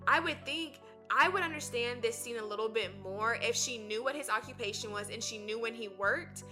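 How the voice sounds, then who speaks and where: A woman co-host recaps a film in a relaxed, chatty review. Her voice sits high and bright in pitch, and she tells the story animatedly in casual slang. Music plays clearly under the talk. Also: moderate pace. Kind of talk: casual movie review chat.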